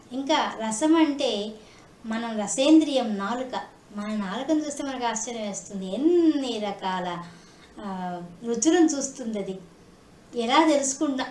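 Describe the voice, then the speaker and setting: Woman preaching devotional talk, higher voice, echoey room w/ faint hiss, asks questions to crowd. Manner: rhetorical questions, chants Sanskrit verses slowly. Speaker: spiritual discourse speaker. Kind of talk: devotional discourse.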